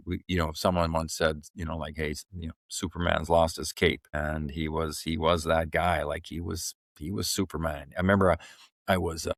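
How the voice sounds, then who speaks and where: A man's voice: very deep voice, creaky, a bit bright, no room sound, studio quality. A middle-aged man, a former hockey player, telling stories on a podcast, rambling with many fillers and restarts. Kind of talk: casual podcast storytelling.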